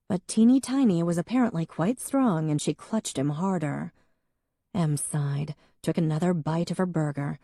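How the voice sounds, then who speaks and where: A woman narrating an audiobook in an even, measured reading. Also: sits low, no echo, studio quality. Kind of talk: scripted narration.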